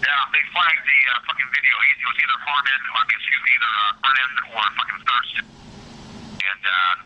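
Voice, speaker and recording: A man's voice: medium pitch, fairly even intonation, normal speed, sharp tone. A man angrily ranting with lots of swearing in an answering machine voicemail message. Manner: angry, profane ranting with restarts. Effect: played back as an answering machine voicemail message. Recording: dull lo-fi voicemail playback with faint hiss.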